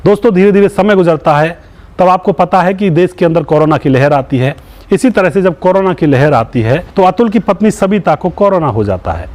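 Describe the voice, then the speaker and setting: A man's voice: sits high, a little mellow. Man retelling a crime story to viewers. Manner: keeps addressing viewers as friends; moralizing, asks viewers for opinions. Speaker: YouTube channel host.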